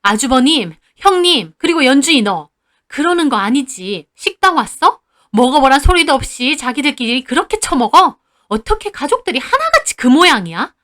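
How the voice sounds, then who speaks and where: A woman's voice: high voice, animated, moderate pace, fairly bright tone. A woman voicing a middle-aged mother who confronts her in-laws sharply and without letting up. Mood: angry.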